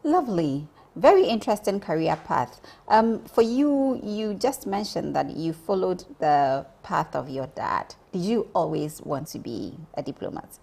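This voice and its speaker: A woman's voice: on the low side, very animated, measured pace, gravelly, few pauses, a little mellow, slightly rough. A woman hosting a TV interview show, effusive and enthusiastic, with frequent ums. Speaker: TV show host. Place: TV studio.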